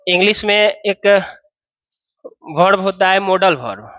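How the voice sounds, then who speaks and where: Bright-voiced male grammar teacher. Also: sits high, animated, a little slow, no room sound, highs cut off. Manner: explains step by step, asks and answers own questions. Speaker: English teacher. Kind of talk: classroom grammar lesson.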